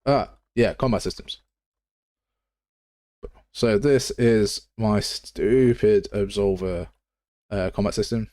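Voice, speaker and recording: A man runs a live game dev tutorial, thinking out loud in a casual, blunt manner with a very deep voice and an English Midlands accent. He's slow and mellow with long pauses, recorded dry in clean studio sound.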